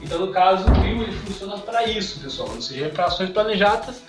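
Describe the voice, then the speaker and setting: A man's voice: sits high, lively intonation, fast, soft background music. A man giving an online English lesson, who keeps checking in with "ok?" and "perfeito?". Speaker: English teacher.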